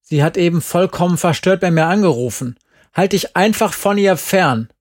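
A man's voice: high-pitched, expressive, moderate pace, dry recording, clean studio sound, pitched above the performer's own voice. Man putting on a stern scolding mother. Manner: sharp, commanding, contemptuous.

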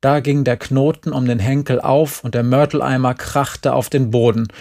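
A man reads a story aloud in a calm, steady storytelling manner. His mid-range voice carries a gravelly, creaky edge. The narration is even and measured. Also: medium pitch. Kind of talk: audiobook reading.

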